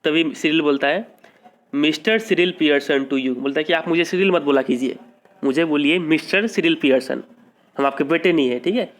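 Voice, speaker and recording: Male teacher with a slightly high voice. He reads English lines slowly, explains them, and quizzes himself. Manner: asks questions and answers them himself. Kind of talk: English lesson explained in Hindi.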